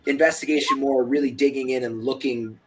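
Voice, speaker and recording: A man narrating a tabletop game as game master, casual and halting. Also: medium pitch, steady tone, a bit bright. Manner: casual, halting, many fillers. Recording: faint background music.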